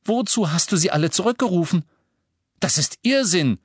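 A man's voice: high-pitched, expressive, normal speed, husky, no room sound, studio quality, pitched above the performer's own voice. A man doing a tense, urgent teenage boy.

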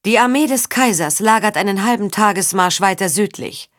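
A woman's voice: mid-range voice, animated, normal speed, a bit bright, dry recording, studio quality, lightly acted. A woman playing a haughty nobleman. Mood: cold. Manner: imperious, formal. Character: haughty bearded male nobleman, cold.

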